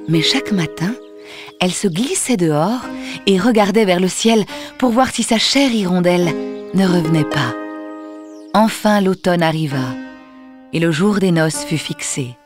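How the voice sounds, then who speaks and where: A woman's voice: on the low side, measured pace, long pauses. Woman reading a storybook over music. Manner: gentle, expressive reading. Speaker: narrator. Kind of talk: storybook narration. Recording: music under the voice. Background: soft music.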